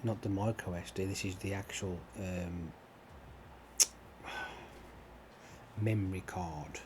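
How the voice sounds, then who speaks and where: A man's voice: low-pitched, slow. A man chatting in a meandering way while he plays a game, with lots of fillers and casual swearing. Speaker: gaming channel host. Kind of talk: rambling chat over gameplay. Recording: steady background noise.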